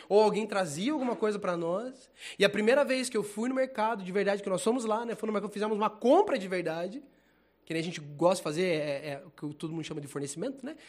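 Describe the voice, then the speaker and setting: High-voiced, lively preacher man. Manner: casual, animated, slangy preaching, laughs often. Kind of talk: informal sermon.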